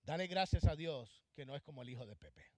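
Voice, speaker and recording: Male pastor, sermon, high voice, dry close sound, impassioned, loud-to-hushed swings. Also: animated, brisk, dry recording. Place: church.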